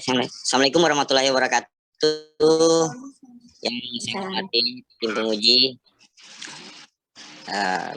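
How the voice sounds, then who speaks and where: A man serving as mentor, giving formal remarks in an exam session, his voice disguised by a voice changer. He speaks haltingly, with many "eh" pauses. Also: medium pitch, sharp tone, a little hiss or hum. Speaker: mentor from the education office.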